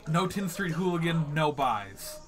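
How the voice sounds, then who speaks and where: A man's voice: a little high, big pitch swings, measured pace. A young man joining a live card tournament stream as guest commentator, analytical with dry little jokes. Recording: crowd chatter behind.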